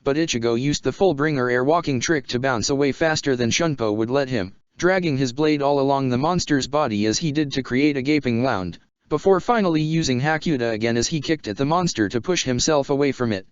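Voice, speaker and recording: A man reading a fan fiction story aloud in a steady, even way. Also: mid-range voice, fairly quick, few pauses, clean tone, dry recording. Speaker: narrator. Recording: dull lo-fi sound.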